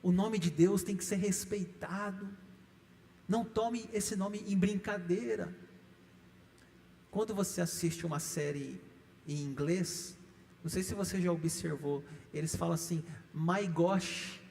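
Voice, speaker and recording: A middle-aged male pastor with a Brazilian Portuguese accent preaches emphatically in a church hall, his high-pitched, warm voice carrying vocal fry at an unhurried pace. He drives his sermon's teaching points home with rising, repeated lists, and the recording echoes around the hall.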